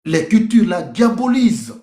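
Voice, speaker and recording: An African man speaks emphatically during a group debate, offering impassioned personal testimony and repeating phrases to add weight. His voice is high-pitched and sing-song, unhurried, with a dark tone, and the room is echoey.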